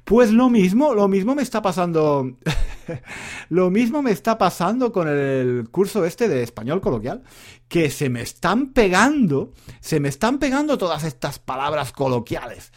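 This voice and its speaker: A male language teacher talks in a relaxed, meandering way. His pitch rises and falls a lot as he speaks, and he often circles back on his own words. It feels like an informal spoken lesson. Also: measured pace. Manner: rambling, chatty, often repeating himself. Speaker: Spanish teacher and podcaster. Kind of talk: casual spoken lesson monologue.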